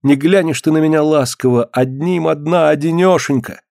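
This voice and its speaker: A desperate young peasant wife, read by a man who lifts his voice a little higher for her. She pleads and laments in old-fashioned folk speech. The recording is dry and close. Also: normal speed, vocal fry, darkish tone, no echo. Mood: lamenting.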